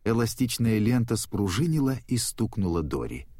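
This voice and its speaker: A man reads a children's storybook aloud in a fairly low voice. His pitch rises and falls vividly, and the close-miked recording is dry, with no room sound. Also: normal speed, no room sound. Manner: expressive reading aloud. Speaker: narrator. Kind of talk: storybook reading.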